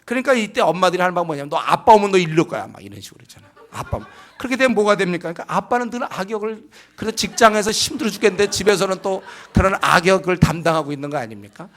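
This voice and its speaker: A man's voice: high voice, expressive, rapid-fire, hardly any pauses, a bit bright. A man preaching a lecture-style sermon on raising children, emphatic and full of rhetorical questions to the congregation. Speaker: pastor.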